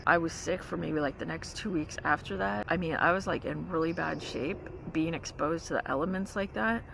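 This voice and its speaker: Chatting by a car at a forest campsite, a woman spins a story for her vlog, heavy on "like" and "you know". Her low voice is gravelly and moves at a normal pace, over outdoor noise and the hum of a vehicle.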